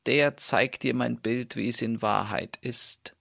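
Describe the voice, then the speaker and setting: A man's voice: medium pitch, fairly even intonation, slow pace, vocal fry, a bit bright, dry recording, clean studio sound, voice pushed up, exaggerated voice. A man voicing an enchanted, sorrowful princess from a fairy tale, speaking in a raised, lamenting tone.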